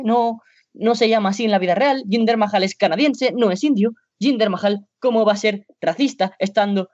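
A man's voice: sits high, no echo, lo-fi sound. A man with a Spain Spanish accent co-hosting a wrestling podcast in casual chat, rambling at first and then ranting in exasperation. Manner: rambling, grows into an exasperated rant.

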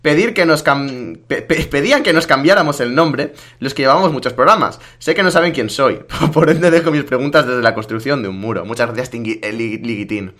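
A man hosting a casual podcast, talking quickly and energetically as he reads out listener questions. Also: on the high side, lively intonation, a bit bright. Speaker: podcast host. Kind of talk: casual wrestling podcast chat.

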